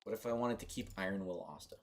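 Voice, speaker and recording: A man's voice: low voice, quick pace. A young man from Costa Rica streaming a mobile game, chatting offhand and rambling to his viewers. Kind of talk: casual livestream commentary.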